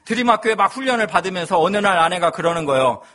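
A man's voice: high voice, animated, fast, bright, forceful tone. A male pastor in his thirties, preaching a sermon with humorous personal storytelling.

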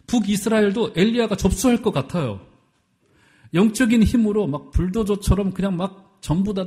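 A middle-aged male pastor preaching a sermon, asking the congregation questions and swinging between loud and soft. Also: high voice.

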